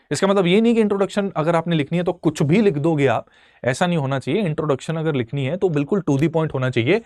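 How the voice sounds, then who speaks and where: A young man teaches exam answer writing in a lesson, often asking "theek hai" and mixing English phrases into his speech. His voice is fairly high with a darkish tone, recorded in a clean studio with no echo.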